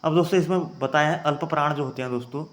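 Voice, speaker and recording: A man's voice: fairly high pitch, fast talker. A young man teaching an exam-prep grammar lesson, calling his viewers friends and having them try each sound aloud. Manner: addresses viewers as friends, repeats points.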